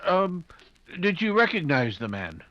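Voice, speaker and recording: Man acting flustered doctor sidekick, stammering, high-pitched, animated, blustery, old radio drama, slightly dull sound. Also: measured pace, no echo, heavily acted. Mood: baffled.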